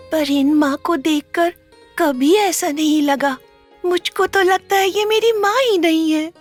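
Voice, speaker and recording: A tearful little girl, very high. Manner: soft, pleading, tearful. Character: small sad gentle girl, mistreated daughter.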